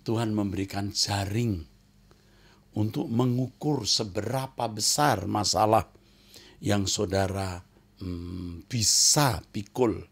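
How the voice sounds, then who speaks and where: A male pastor preaching a sermon, who swings from loud emphatic exclamations to hushed whispers and repeats phrases for emphasis. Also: fairly low pitch, slow pace, vocal fry, pauses often. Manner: addresses listeners as "saudara", repeats phrases for emphasis.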